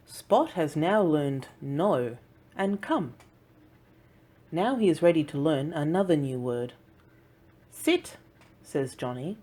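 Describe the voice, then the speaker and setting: A woman reads a children's storybook aloud in a low voice. She moves slowly and clearly, giving each sentence room. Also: a little mellow. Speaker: audiobook narrator.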